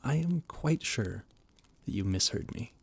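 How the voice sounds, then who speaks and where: A man with a medium-pitched, gravelly voice plays a flustered, formal royal adviser in a scripted roleplay monologue. He stammers frequently and sounds animated though a little slow, over a slight hiss or hum.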